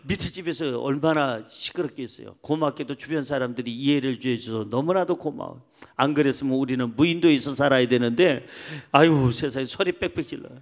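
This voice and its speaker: A man preaching a Sunday sermon as pastor, emphatic, swinging between loud calls and soft asides. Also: mid-range voice, fairly quick. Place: church sanctuary.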